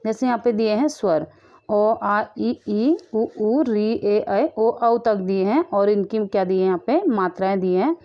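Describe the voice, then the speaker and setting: A woman teaching young children in a patient, repetitive way, saying each example word slowly and then asking and answering her own questions. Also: medium pitch. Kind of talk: children's lesson. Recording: muffled lo-fi audio.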